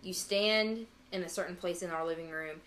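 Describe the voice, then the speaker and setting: A young woman with a fairly low, slightly bright voice co-hosts a podcast at a moderate pace. She chats casually, rambling with many fillers and restarts.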